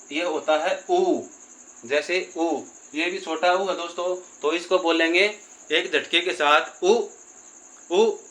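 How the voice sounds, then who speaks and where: A man's voice: on the high side, sharp tone, rough recording. A man teaching a grammar lesson, patiently repeating and drawing out vowel sounds while addressing his listeners as friends.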